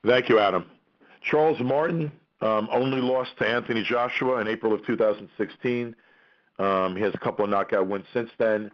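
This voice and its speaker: A man hosting a press conference call, introducing speakers in a halting, measured way over a conference phone line. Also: fairly low pitch. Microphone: telephone conference call.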